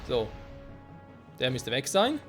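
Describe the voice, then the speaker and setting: A young man giving lively gameplay commentary and talking back to the characters on screen. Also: medium pitch, slow. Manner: excitable, talks to the game characters. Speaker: let's play gamer. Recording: game music loud behind voice.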